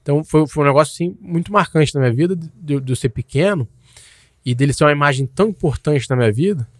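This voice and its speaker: A man's voice: on the high side, quick pace, no room sound, clean studio sound. A young man, telling a personal story in a loose, slangy way, full of restarts and tags. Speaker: guest.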